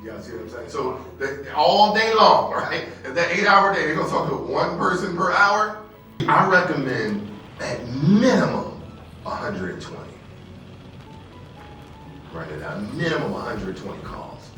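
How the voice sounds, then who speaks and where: This American workshop trainer speaks a little slowly in a fairly high, sing-song voice with a sharp edge. He leads an interactive motivational sales training, checking in with listeners often, recorded with roomy echo, a distant mic, and faint music.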